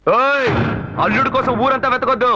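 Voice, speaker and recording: A brash, fearless young lover. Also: male voice, very high-pitched, steady tone, brisk. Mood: defiant. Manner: bold, lecturing, confrontational. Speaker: young hero in a film. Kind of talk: dubbed film acting. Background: film score.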